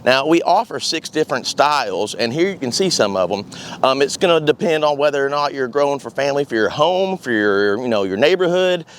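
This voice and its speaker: A man's voice: mid-range voice, expressive, brisk, a little hiss or hum. Man giving an informal outdoor product walkthrough. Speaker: company presenter for greenhouse kits. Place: outdoors at a greenhouse demo yard.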